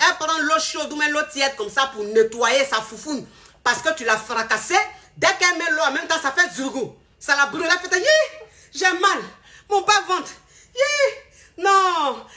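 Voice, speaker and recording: Animated high bright woman. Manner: animated, mimics voices, addresses viewers directly. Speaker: seller of remedies and coach. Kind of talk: casual live sales talk.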